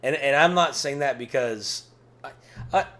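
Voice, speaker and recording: A man's voice: mid-range voice, moderate pace, fairly bright tone. A man in his thirties co-hosting a podcast in casual banter, rambling emphatically, repeating himself and swearing freely. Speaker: podcast co-host.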